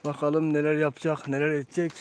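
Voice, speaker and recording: A man's voice: a little high, little pitch movement, fast, a little mellow, slight background noise. A man hosting a casual live pigeon-auction stream, commentating and addressing viewers as friends. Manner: addresses viewers as friends, repeats key phrases.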